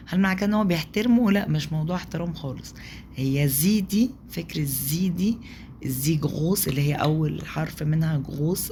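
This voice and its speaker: A woman with an Egyptian Arabic accent gives a language lesson in a low, mellow voice. She explains patiently and repeats each word slowly, over and over, to drill the pronunciation. A faint hiss sits under her voice. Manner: patient, drills words slowly and repeats them many times. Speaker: German language teacher.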